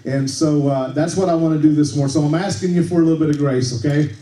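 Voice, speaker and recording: A male pastor preaching a relaxed, conversational sermon, often checking in with the congregation and restarting his sentences. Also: a little high, fast talker. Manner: conversational, tag questions like okay, frequent restarts. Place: church sanctuary. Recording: echoey church room, mic at a distance.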